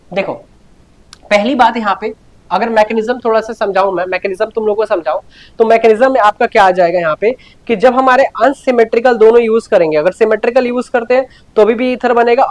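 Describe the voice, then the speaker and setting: A man teaching a chemistry lecture, repeating key words, asking questions and answering them himself, and often telling students to listen carefully and note things down. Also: high voice. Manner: repetitive, answers his own questions, keeps urging students to note down. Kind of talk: classroom lecture.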